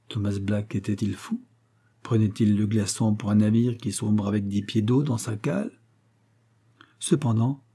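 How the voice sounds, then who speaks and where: Dark husky male audiobook narrator. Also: mid-range voice. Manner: dramatic reading, raises voice for shouted lines. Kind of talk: scripted narration of a classic novel.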